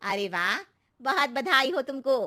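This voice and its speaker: A woman's voice: high-pitched, very animated, unhurried, dry recording, studio quality, pitched above the performer's own voice, heavily acted. A woman doing a nosy, cunning neighbor aunty. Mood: sly. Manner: warns in a hushed, knowing tone.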